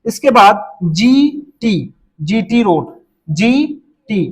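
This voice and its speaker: A man's voice: high-pitched, very animated, extremely slow. A male teacher giving an exam-prep lesson, quizzing students with repeated questions and answering them himself, with jokey memory tricks and a drop on each answer.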